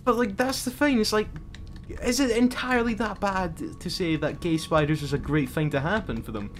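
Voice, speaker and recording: A man's voice: sits high, normal speed, a little hiss or hum. A young man streamer in casual, rambling chat who often stops and restarts his words.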